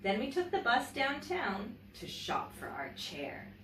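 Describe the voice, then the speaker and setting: In a roomy recording picked up from a little distance, with faint background noise, a woman reads a children's picture book. Her medium-pitched voice swoops with lively intonation as she speaks straight to young listeners like a teacher and story-time host, shaping phrases expressively and stopping to comment and pose questions.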